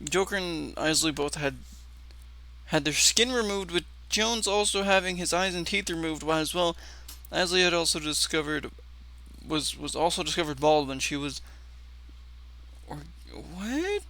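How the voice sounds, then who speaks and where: A man hosts a casual reaction video, reading aloud and commenting at a normal speed with an expressive voice. He often stumbles over words, repeats phrases and swears. The recording is clearly noisy, with a loud rumble behind him.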